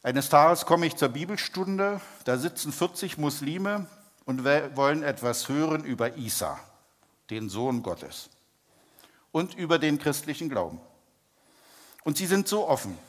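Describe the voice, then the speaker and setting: A man with a fairly high voice preaches, calmly telling a testimony story. He speaks in a measured way and draws out his words when he stresses a point. A long hall reverb trails each phrase. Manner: measured, slows down for emphasis.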